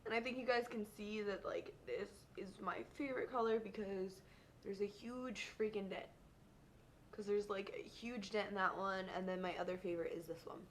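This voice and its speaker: A young woman chatting excitedly in a casual beauty vlog, gushing over her favorites and calling everything amazing. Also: mid-range voice, moderate pace, a little hiss or hum. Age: young adult. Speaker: beauty vlogger.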